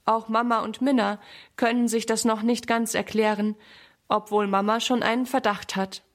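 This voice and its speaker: A woman reading a children's story aloud in a clear, friendly way. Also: a little high, flat delivery, normal speed.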